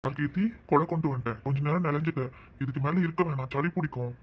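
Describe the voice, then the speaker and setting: Man voicing a caring cartoon young man, nagging, fast, muffled lo-fi audio. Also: on the high side, breathy edge. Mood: fussing. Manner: nagging, worried. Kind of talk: cartoon voice acting. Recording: dull lo-fi sound.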